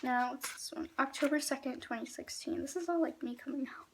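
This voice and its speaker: A young woman reading her diary aloud in a casual, halting, self-conscious and embarrassed way, with a creaky voice. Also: high voice, a little hiss or hum. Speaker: vlogger reading own diaries.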